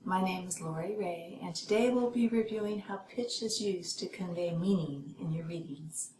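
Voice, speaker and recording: A woman hosting a podcast lesson for lectors, reading a scripted lesson in a measured way and voicing example sentences to show intonation. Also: lowish voice, warm tone. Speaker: podcast host teaching lectors. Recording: echoey room with clear background noise.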